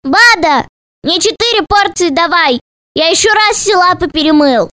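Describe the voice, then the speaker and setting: A woman's voice: expressive, slow pace, pushed and bright, exaggerated voice. A woman voicing a small, cheeky male creature from a storybook, eager and crafty in a childlike way. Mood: triumphant. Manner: eager, triumphant, squeaky. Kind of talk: storybook reading.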